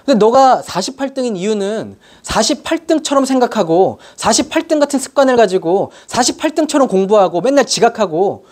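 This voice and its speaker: A woman acting out a blunt high school teacher, speaking lower and firmly. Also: expressive, a little fast, hardly any pauses, darkish tone. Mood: stern.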